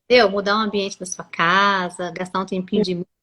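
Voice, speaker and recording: A woman's voice: mid-range voice, little pitch movement, fast talker, a bit bright. A woman with a Brazilian Portuguese accent hosting a live stream, reading viewer comments aloud and encouraging mothers affectionately. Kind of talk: casual live-stream conversation.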